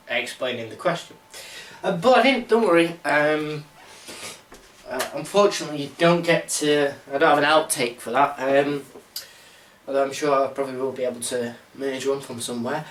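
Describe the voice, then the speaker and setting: A man's voice: a little high, fairly bright tone. Casual man tutoring from a distance. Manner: casual, rambling, self-mocking asides. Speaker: maths tutor. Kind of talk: informal exam walkthrough. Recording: roomy sound, mic set back.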